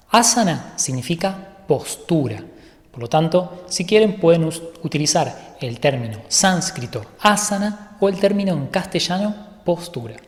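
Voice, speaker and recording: A male yoga teacher giving an online course lecture, explaining calmly and methodically and sometimes correcting himself mid-sentence. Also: on the high side, big-room sound.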